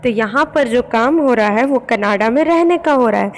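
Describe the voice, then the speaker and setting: A woman schoolteacher with an Indian English accent, giving a recorded English lesson and explaining it in Hindi, slow and careful in English, quicker in Hindi. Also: animated, poor audio. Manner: teacherly, rises in pitch on questions to students. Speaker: school teacher.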